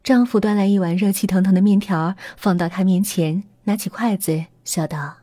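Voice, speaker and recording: A woman narrating a ghost story dramatically, slowing down and hushing at the tense moments. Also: medium pitch, no echo, studio quality. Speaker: storyteller host. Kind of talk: horror audiobook narration. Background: faint music.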